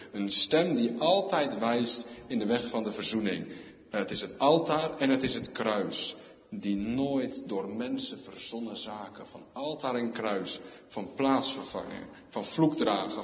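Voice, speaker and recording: A male pastor preaching a solemn sermon, slow and deliberate, swelling into loud emphatic outbursts. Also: fairly low pitch. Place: church. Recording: echoey church hall, dull lo-fi sound.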